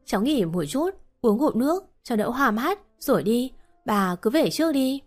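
A woman voicing a meek, polite young pregnant wife who asks gentle questions, over faint music. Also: on the high side, very animated, moderate pace. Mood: plaintive.

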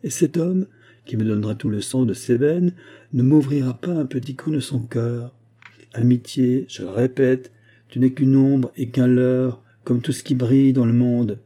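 A man's voice: mid-range voice, steady tone, normal speed, mellow, close to an everyday voice. A man reading an audiobook, voicing a bold male musketeer who presses his friend with emphatic oaths. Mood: insistent. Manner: insistent, emphatic, swearing oaths.

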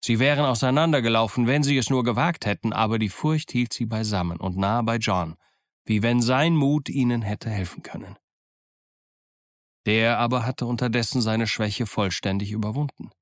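A man narrating an audiobook in a calm, measured storytelling voice. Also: on the low side, no echo, clean studio sound. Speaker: audiobook reader. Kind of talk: scripted narration.

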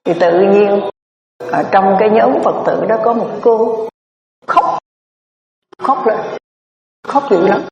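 A Buddhist nun, giving a storytelling dharma talk in a conversational, winding way with many filler words. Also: female voice, mid-range voice, takes it slowly, long pauses, darkish tone. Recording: echoey hall, distant mic, dull lo-fi sound.

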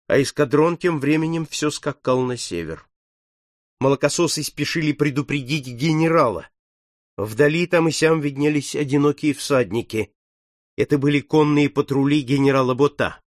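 A man reading an adventure novel aloud with steady, measured narration. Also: a little high, no echo, studio quality. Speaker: audiobook narrator. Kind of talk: scripted narration.

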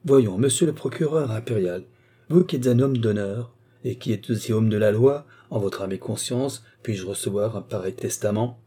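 A man's voice: on the low side, moderate pace, dark tone, husky. A man voicing an earnest, formal middle-aged notary who speaks in careful legal phrases.

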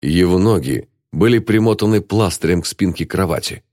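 Deep-voiced man narrating an audiobook. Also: lively intonation, moderate pace, a little mellow, dry recording, clean studio sound.

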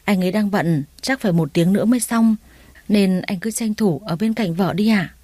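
A woman's voice: mid-range voice, normal speed, warm tone, dry recording, lightly acted. Woman voicing a blunt hospital nurse. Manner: blunt and reproachful.

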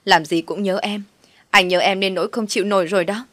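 A woman's voice: mid-range voice, fairly even intonation, fairly quick, fairly bright tone, no room sound, close to an everyday voice. A woman voicing an ill young man in a storybook, speaking tenderly to his lover with a choked voice. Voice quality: emotional, voice choking.

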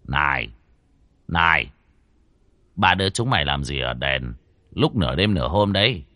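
A man's voice: extremely low pitch, expressive, moderate pace, sharp tone, no room sound, voice pushed down, exaggerated voice. A man voicing a stern, experienced older village man who scolds bluntly.

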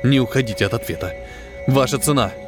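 A man reading an audiobook, voicing a grim male starship captain who speaks curtly and gruffly, holding back anger. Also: medium pitch, fast, over music, close to an everyday voice. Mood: curt, angry. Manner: curt, gruff, barely restrained anger.

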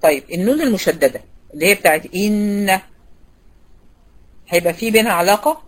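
She has a medium-pitched, expressive voice and speaks fairly quickly. The speaker, a woman with an Egyptian Arabic accent, teaches an online recitation class where she calls on students by name and repeats key points.

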